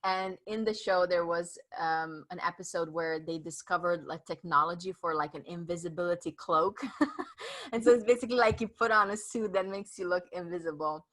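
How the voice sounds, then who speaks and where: A woman from Romania whose native language is Hungarian is a podcast guest and author, telling her story earnestly in a casual interview with lots of fillers. Her voice is on the low side, animated and fairly bright, at a normal speed.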